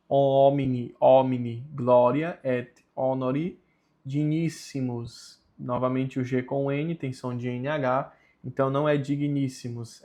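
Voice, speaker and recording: A man teaching the pronunciation of a Latin prayer, enunciating carefully and repeating words to drill them. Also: medium pitch.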